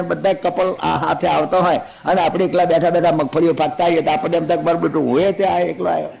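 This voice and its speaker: Gravelly, high-voiced male preacher. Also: darkish tone, poor audio. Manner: humorous storytelling, mixes in English. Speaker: religious discourse speaker. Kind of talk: scripture discourse with chanted verses.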